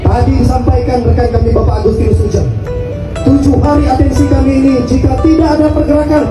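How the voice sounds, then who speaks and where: A man from Kalimantan, Indonesia, giving fiery revolutionary oratory as a protest leader, impassioned and forceful, throwing rhetorical questions at the crowd. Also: very high voice, fairly even intonation, fast talker, recorded from a distance. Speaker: protest leader, activist speaker. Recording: echoey loudspeaker from afar, loud music, crowd. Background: loud music and crowd noise.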